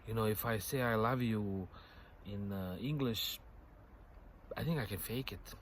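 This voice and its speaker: Speaking a little slowly, a middle-aged Bosnian-born vlogger with a low voice reflects out loud on a bench beside a lake. The casual monologue drifts and rambles, peppered with "you know" and quiet laughs, and traffic noise runs through the outdoor recording.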